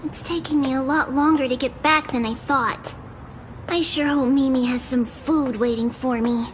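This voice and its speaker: A woman's voice: high voice, steady tone, moderate pace, background noise, natural voice. A woman voicing an earnest, anxious young vampire boy in an English anime dub. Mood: worried. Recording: music behind the voice.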